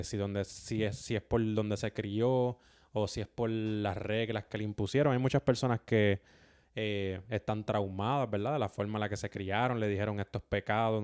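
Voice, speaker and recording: Man guest, deep clear voice, measured advice-giving. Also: a little mellow. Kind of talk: casual chat.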